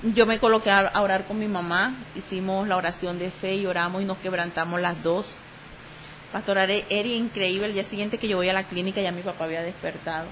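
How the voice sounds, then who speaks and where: A woman giving an emotional religious testimony on the radio, halting and repeating herself as she acts out the dialogue she quotes. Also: medium pitch, steady tone, fairly bright tone, slight background noise, low-quality recording.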